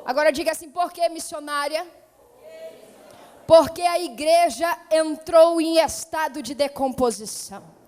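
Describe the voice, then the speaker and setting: This is a Pentecostal sermon from a woman missionary with a São Paulo accent, preaching fervently at a measured pace. Her high voice opens with calm greetings before rising to loud, urgent exhortation, and it rings through a church hall with a long reverb. She comes from São Paulo state, Brazil.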